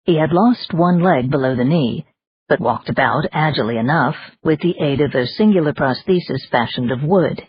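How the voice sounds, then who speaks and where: An audiobook narrator reading a novel in a steady, even manner. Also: mid-range voice, moderate pace, slight background noise. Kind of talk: scripted narration. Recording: dull lo-fi audiobook recording.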